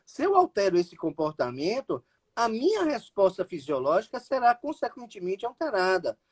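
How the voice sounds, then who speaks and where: A man's voice: high-pitched, wildly swooping pitch, moderate pace, slightly rough. A man adding to a talk, building his point in linked steps. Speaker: co-presenter. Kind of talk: explanatory talk.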